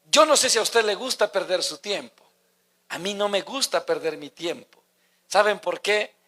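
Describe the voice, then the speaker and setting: A man's voice: high-pitched, normal speed, bright, forceful tone. A man, preaching a sermon and putting emphatic questions to his congregation.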